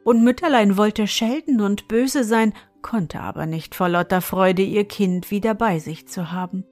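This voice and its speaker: A woman reading a fairy tale aloud as a bedtime story, calm and soothing. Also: mid-range voice, measured pace. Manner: calm, soothing, softly whispered at times. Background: faint music.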